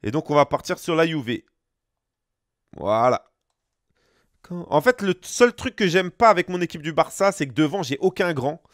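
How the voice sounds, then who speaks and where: A man's voice: a little high, lively intonation, normal speed, long pauses, fairly bright tone, dry recording, studio quality. A man live-streaming a football video game, chatting casually and stopping often to greet viewers by name. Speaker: gaming streamer.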